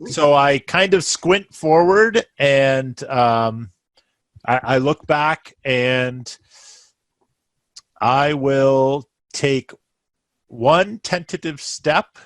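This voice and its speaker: A man playing a tabletop game, describing his character's actions haltingly with many pauses. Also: medium pitch, no room sound. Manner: halting, hesitant, many ums. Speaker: player.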